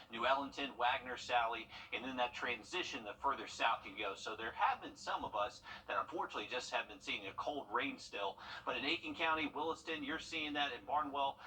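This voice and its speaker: A man's voice: mid-range voice, sharp tone, far from the mic, a little hiss or hum, poor audio. A man giving a live, ad-libbed weather report as a television forecaster.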